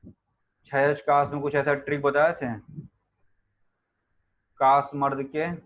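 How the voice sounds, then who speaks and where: A man's voice: on the high side, monotone, slow pace. Lecturing man over a tinny line. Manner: chants Sanskrit verses, quizzes students with rhetorical questions. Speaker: Ayurveda lecturer. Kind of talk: classroom lecture. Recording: narrow phone-like sound.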